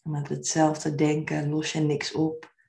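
At a measured pace, a woman talks listeners through a meditation in a soothing, soft manner. Her low voice hardly shifts, phrase endings go creaky, and she never hurries her gentle delivery.

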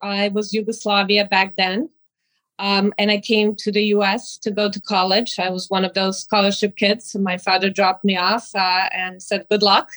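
A woman in her fifties from Serbia, a business executive answering interview questions in a measured way. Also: mid-range voice, level tone, fairly bright tone, rough recording. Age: 50s. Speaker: guest executive.

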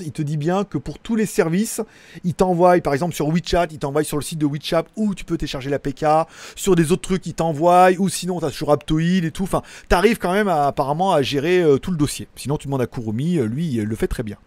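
On a casual tech live stream, a male host from Lyon, France rambles through viewer comments, heavy on crude slang and fillers. His voice sits fairly high with a darkish tone, and there's no echo.

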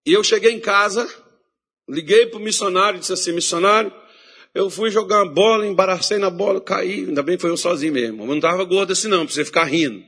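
A man's voice: sits high, fast talker, fairly bright tone, breathy edge. A man preaching a sermon, telling a story and acting out the voices of the people in it.

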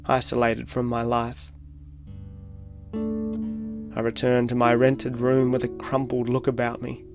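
Even-toned man narrating a reflective essay. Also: mid-range voice. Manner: measured, reflective, literary. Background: soft guitar music.

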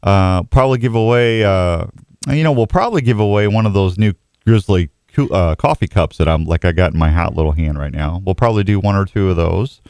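A man's voice: low voice, brisk, darkish tone, smooth, no room sound, clean studio sound. A man hosting an outdoors radio show, chatting casually and jokingly with callers in a folksy way. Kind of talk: casual live sports radio chat with callers. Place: radio studio. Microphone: close studio microphone.

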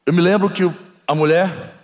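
A male bishop with a Brazilian accent preaching and telling a story with lively drama, often questioning the congregation. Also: sits high, moderate pace, in a large hall. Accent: Brazilian Portuguese. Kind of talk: sermon storytelling. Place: church.

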